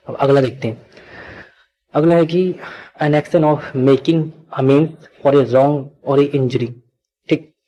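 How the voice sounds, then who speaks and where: A man's voice: medium pitch, warm tone. A man teaching a vocabulary lesson who keeps asking questions and answering them himself. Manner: repetitive, asks and answers own questions.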